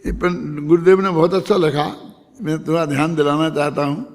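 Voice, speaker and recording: A man's voice: on the high side, flat delivery, moderate pace, darkish tone, long reverb tail. An older man giving a conversational religious discourse on scripture, often checking whether his listeners follow. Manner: conversational, asks listeners "समझे ना?".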